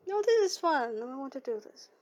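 Her voice sits high with big pitch swings at a moderate pace. She's a young streamer whose first language isn't English, giggly and rambling as she chats and reads out viewer comments, often correcting herself and starting over.

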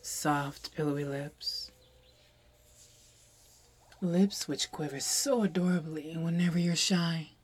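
Woman voicing a low, breathy seductive alien. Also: fairly even intonation, slow, long pauses, heavily acted. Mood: seductive, doting. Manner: whispery, teasing, commanding. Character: possessive seductive female alien captor. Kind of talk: audio roleplay.

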